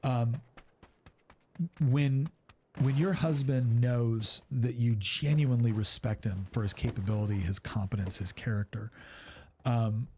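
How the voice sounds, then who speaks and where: A man's voice: mid-range voice, fairly even intonation, measured pace, noisy background. A middle-aged man giving marriage advice in a casual podcast chat, earnest and rambling with many restarts.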